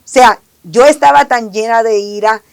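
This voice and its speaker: A woman tells her personal faith testimony in an earnest, emotional way. Her voice sits a little higher than most women's. She often circles back and repeats her own phrases. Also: moderate pace, creaky, clear, resonant tone. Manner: earnest, repetitive, emotional retelling. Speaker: testimony giver.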